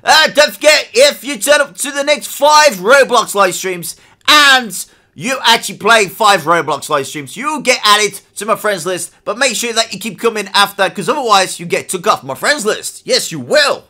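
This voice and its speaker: A live game streamer talks through play in a bright, sharp voice. The pitch leaps all over the place as they shout and repeat themselves. They keep up a running, excitable commentary and read chat aloud. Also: normal speed.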